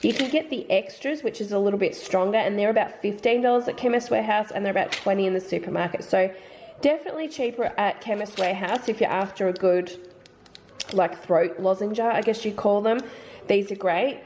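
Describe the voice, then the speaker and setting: At home, a woman in her thirties from Australia, a mum vlogger, talks casually through a product haul, musing aloud about prices and sounding slightly nasal with hay fever. Her medium-pitched voice is brisk and a little mellow, with slight background noise.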